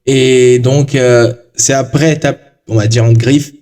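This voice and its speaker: A man's voice: mid-range voice, steady tone, takes it slowly, darkish tone, far from the mic. A man hosting a podcast interview, asking questions with hesitant fillers. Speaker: podcast host.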